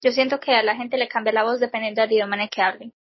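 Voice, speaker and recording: A woman's voice: on the high side, steady tone, racing, husky, dry recording, muffled recording. A woman co-hosting a podcast, chatty and laughing easily in casual talk. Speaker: podcast co-host. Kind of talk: casual chat.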